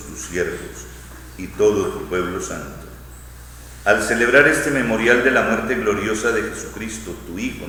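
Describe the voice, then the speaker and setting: A priest with a low, echoing voice prays solemnly, reciting liturgical prayer in a measured way, phrase by phrase. His male voice carries a fairly bright tone. The recording comes from a large church interior, with long reverb in the echoing hall and faint noise.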